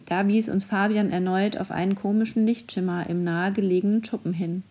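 A woman narrating a children's story aloud with a clear storytelling delivery. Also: mid-range voice, steady tone, brisk, warm tone, dull audio.

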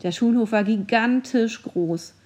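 A woman narrating a children's story aloud with a clear storytelling delivery. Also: on the high side, measured pace, a little mellow.

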